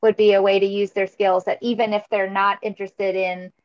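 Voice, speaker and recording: A woman's voice: medium pitch, little pitch movement, fairly quick, lo-fi sound. A woman teacher in a book club discussion, thoughtfully building long points.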